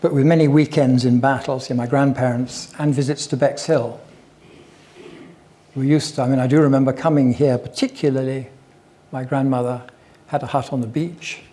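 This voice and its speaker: A man's voice: mid-range voice, steady tone, normal speed, dark tone. Older man telling wry stories. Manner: chatty, digressive, wry asides. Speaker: guest speaker at a local history talk. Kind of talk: anecdotal public talk.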